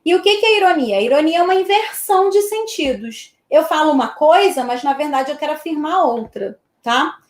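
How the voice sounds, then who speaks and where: Chatty high-voiced woman teacher, echoey room. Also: expressive, a little fast, hardly any pauses. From Brazil. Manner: chatty, checks in with "tá?" and "né?". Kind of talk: online exam-prep lesson.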